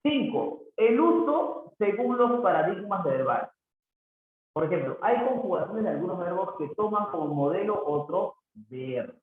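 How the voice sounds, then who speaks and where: Brief: male teacher, animated higher voice, lesson recorded in a very echoey room. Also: normal speed. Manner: explains with examples, frequent checking questions. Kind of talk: grammar lesson. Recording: tinny phone-like audio, very echoey room.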